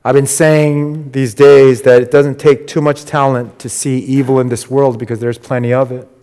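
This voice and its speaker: A man preaching a sermon in a halting, conversational way, with many fillers and restarts, raising his voice when he quotes. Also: medium pitch, level tone, mellow. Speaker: pastor. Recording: long hall reverb.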